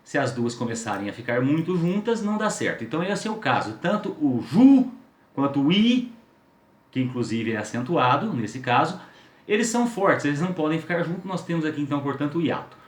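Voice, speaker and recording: A man's voice: on the high side, lively intonation, fast. A man teaching a recorded lesson, who asks the class questions and stretches out his example words. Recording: echoey room.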